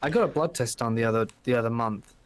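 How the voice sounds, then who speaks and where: A man's voice: mid-range voice, quick pace. A man hosting a casual chat, talking in a nervous, rambling way and often repeating himself. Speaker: podcast host.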